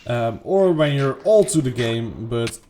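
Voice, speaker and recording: Warm-toned and animated, a gaming creator keeps a measured pace as he rambles through unedited gameplay commentary. He second-guesses himself, leans on fillers and keeps saying "boom," with slight background noise behind him.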